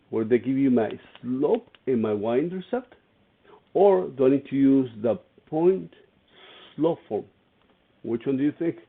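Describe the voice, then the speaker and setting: A man's voice: mid-range voice, breathy edge. A man teaching an algebra lesson, walking through each step and asking his students questions as he goes. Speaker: math teacher. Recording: tinny phone-like lo-fi audio.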